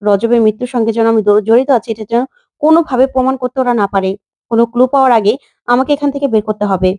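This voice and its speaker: A woman's voice: on the high side, racing, no echo, highs cut off, lightly acted. Woman voicing Sanjukta, a taunting rich villainess. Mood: scheming. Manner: taunting, raised and sharp.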